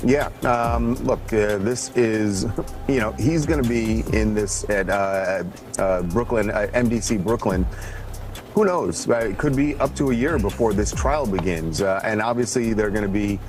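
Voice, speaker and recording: A man giving halting, hesitant answers as a producer and commentator in an unscripted news interview. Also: on the low side, over music. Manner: halting, hedging speech full of hesitations.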